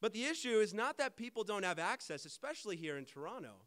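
Male preacher, sermon, high clear resonant voice, emphatic, throws questions at the congregation. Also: big pitch swings, fast talker, a bit bright.

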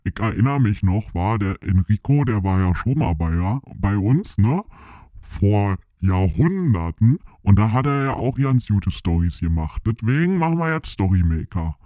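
A man's voice: on the low side, big pitch swings, normal speed, no room sound. A man voicing Schnuffel, a cheeky male show mascot, with a Berlin accent and a brash, drawling, teasing manner. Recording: dull, lo-fi sound.

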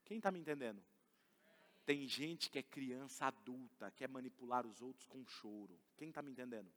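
A man's voice: mid-range voice, normal speed, fairly bright tone. A middle-aged man with a Brazilian Portuguese accent, preaching a sermon and speaking directly to the congregation with emphasis. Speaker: pastor. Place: church hall. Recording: long hall reverb.

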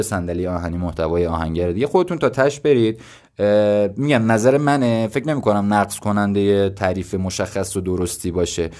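Young man, low voice, solo podcast host, casual explainer, thinks out loud, self-deprecating. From Iran. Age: 20s.

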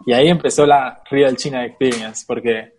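A young Argentine man with a Rioplatense accent, casually telling a lively travel anecdote, laughing often and acting out the people in his story. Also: mid-range voice, moderate pace, a little hiss or hum. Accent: Rioplatense Argentine Spanish. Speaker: guest storyteller.

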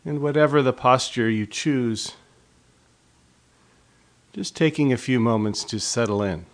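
A male instructor with a medium-pitched voice conducts a guided body scan. He gives his directions in a measured, gentle way, pausing between phrases.

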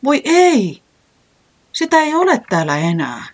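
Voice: mid-range voice, sing-song, pitched above the performer's own voice, lightly acted. A narrator putting on a fretful little weather-man. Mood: dismayed. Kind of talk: children's storybook reading.

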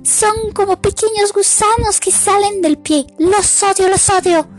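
A woman's voice: very high voice, a little slow, faint music behind, pitched above the performer's own voice. A woman reading aloud and voicing a fussy, imperious lady colonist who speaks brusquely and with disgust. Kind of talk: audiobook character voice.

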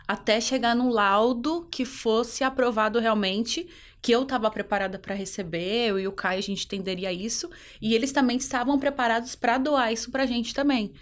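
A woman with a Brazilian Portuguese accent, giving an emotional personal testimony in an interview and telling her story earnestly. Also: mid-range voice.

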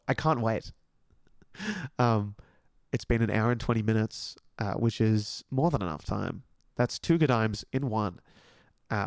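A young Australian man hosting a podcast, chatting in a rambling, excitable way and swearing casually. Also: mid-range voice, creaky, no room sound, clean studio sound. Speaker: podcast host. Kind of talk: casual solo podcast chat.

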